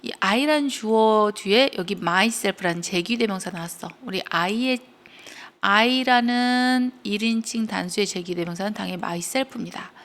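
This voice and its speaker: A woman's voice: medium pitch, slow, fairly bright tone. A woman teaching English grammar to students, explaining step by step and checking in with them often as she retells a story.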